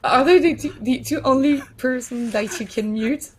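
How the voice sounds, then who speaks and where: A woman's voice: high-pitched, normal speed, a little hiss or hum. Woman hosting a casual livestream. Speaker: stream host.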